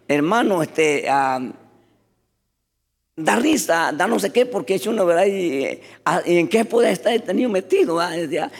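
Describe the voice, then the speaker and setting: Male pastor mid-sermon, lively and expressive, slightly high voice, reverberant hall. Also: a little slow, vocal fry. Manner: animated preaching, often calling the congregation "hermano".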